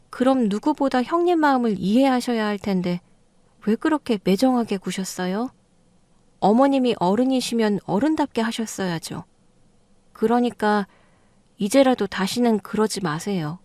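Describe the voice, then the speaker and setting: A woman's voice: on the high side, warm tone, no room sound, lightly acted. A woman voicing a younger daughter-in-law in an audio drama, pressing and reproachful. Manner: insistent, reproachful. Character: younger second daughter-in-law, blunt and accusing.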